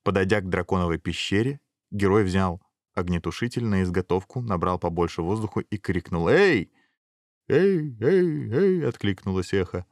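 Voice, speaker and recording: A man reading a fairy tale aloud in a measured storytelling voice. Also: low voice, steady tone, no room sound, studio quality. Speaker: narrator.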